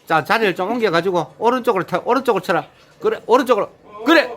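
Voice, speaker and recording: A man's voice: high voice, fast talker, fairly bright tone. A man instructing and cheering people on during a video game, with short repeated calls and a lot of laughter. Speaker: activity instructor.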